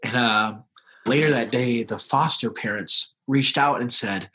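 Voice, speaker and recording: A man, a pastor, telling a personal story in an interview, animated and acting out quoted voices. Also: medium pitch, measured pace. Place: lives in South Dakota.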